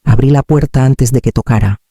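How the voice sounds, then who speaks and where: A man reading a first-person drama story in a calm, measured way. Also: medium pitch, husky, dry recording, studio quality. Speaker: narrator.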